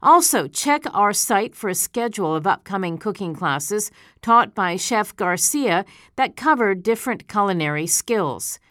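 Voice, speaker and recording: A woman's voice: medium pitch, expressive, measured pace, few pauses, a bit bright, no room sound, studio quality. A woman reading a scripted advertisement in an upbeat, inviting way. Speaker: advertisement reader in a test recording.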